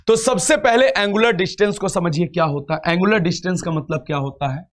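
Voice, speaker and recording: A reasoning teacher coaching for exams gives a live online lecture, working through material step by step, repeating phrases and asking rhetorical questions. His voice sits high and moves a little fast.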